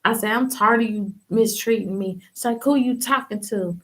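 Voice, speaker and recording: A woman's voice: mid-range voice, moderate pace, a bit bright. A young woman from Ohio telling her personal testimony in a candid, casual way, full of slang and fillers.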